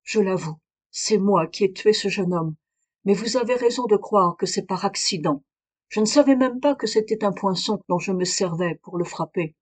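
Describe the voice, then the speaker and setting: A proud foreign woman speaks with dignity and firm conviction, as a woman reader puts her on. She keeps a steady, earnest delivery with a foreign accent. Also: medium pitch, normal speed, close to an everyday voice. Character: proud exiled woman, dignified, confessing a crime.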